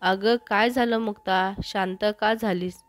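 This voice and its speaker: A woman voicing a caring, firm but kind aunt in a storybook, coaxing and steady. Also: medium pitch, unhurried, no echo, soft background music, natural voice.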